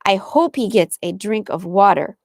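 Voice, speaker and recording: A woman's voice: mid-range voice, expressive, normal speed, no room sound, studio quality. A woman reading a stubborn little boy. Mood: insistent. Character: young boy twin, eager and stubborn.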